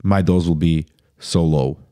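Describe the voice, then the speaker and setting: Low, mellow-voiced man in his thirties. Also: fairly even intonation. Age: 30s. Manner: casual, sprinkles "bro" constantly; halting restarts while thinking. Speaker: guest. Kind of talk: casual podcast chat.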